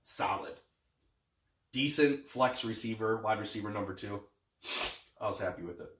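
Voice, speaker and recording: A man's voice: lowish voice, moderate pace, a bit bright. Male sports podcaster, stuffed-up sniffly nose, cocky and sweary banter, recorded roomy and off-mic. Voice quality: congested, blocked-nose sniffly voice. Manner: boastful, sweary. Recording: echoey room, distant from mic.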